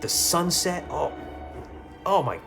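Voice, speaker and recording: Male gaming YouTuber, casual and excitable, swears a lot, repeats himself, faint music underneath. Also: fairly high pitch, slow, gravelly. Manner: excitable, swears freely, stumbles and repeats words. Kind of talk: casual game review monologue.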